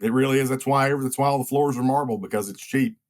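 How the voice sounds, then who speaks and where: A man who is a guest engineer in a casual interview, explaining things in a measured way. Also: mid-range voice.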